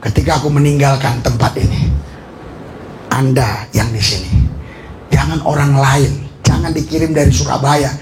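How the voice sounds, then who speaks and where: A middle-aged man from Indonesia, a pastor preaching a lively sermon, laughing often and shouting at times. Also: medium pitch, moderate pace, slight background noise.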